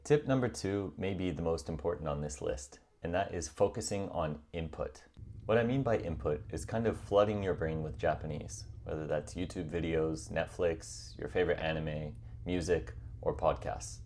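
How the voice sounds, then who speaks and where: Very deep-voiced man giving study tips. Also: moderate pace, slight background noise. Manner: calm, encouraging and reassuring. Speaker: language-learning YouTuber. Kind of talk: scripted tutorial narration.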